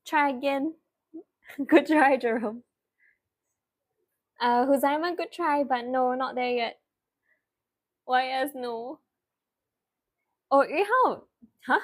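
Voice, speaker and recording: A young woman, tutoring a live-stream spelling lesson. She laughs often, praises students by name and spells words out slowly. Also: sits high. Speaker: online tutor.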